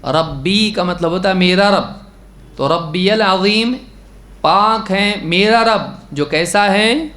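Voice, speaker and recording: A man gives a religious lesson on prayer in a slightly high voice, heard in an echoey room. He recites a line of Arabic text, explains it, and keeps putting questions to his listeners before answering them himself. His exhortations turn stern and pleading. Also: pushed and bright. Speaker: religious teacher.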